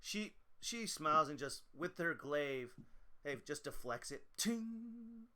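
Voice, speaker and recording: A man narrating as game master in a tabletop game, animated and laughing between his descriptions. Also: a little high, measured pace, clear, resonant tone.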